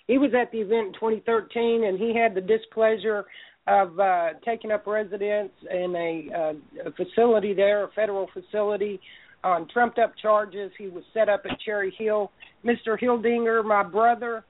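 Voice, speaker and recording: A woman's voice: mid-range voice, steady tone, moderate pace. A woman hosting a call-in talk show, blunt and emphatic, with some profanity. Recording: tinny phone-like audio.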